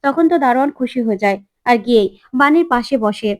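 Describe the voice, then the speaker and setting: A woman's voice: a little high, lively intonation, fast talker, no room sound, clean studio sound. A woman retelling a TV serial episode as a story, reading every character's lines herself. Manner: reads all characters' lines herself, voices slightly shifted. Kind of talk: storytelling recap with acted dialogue.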